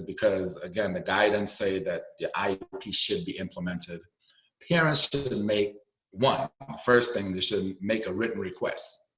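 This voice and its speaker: A man's voice: fairly low pitch, bright, forceful tone, echoey room, low-quality recording. A man working as a special education advocate, explaining guidance earnestly over a video conference call with many fillers. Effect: video conference call audio.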